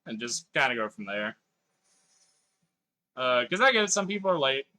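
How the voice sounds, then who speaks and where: A man's voice: medium pitch, sing-song, normal speed, bright, forceful tone. A man streaming a video game live, chatting casually with his viewers and reading their messages aloud as he plays. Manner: chatty, reads chat messages aloud, swears now and then. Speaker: gaming livestreamer. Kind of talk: casual live-stream chat while playing.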